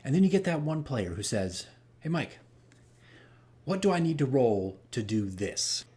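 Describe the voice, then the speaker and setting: In an unhurried, sing-song delivery, a mid-range man with a darkish tone shares stories on his campaign diary vlog. The dungeon master host rambles, makes fun of himself, and repeats phrases for emphasis.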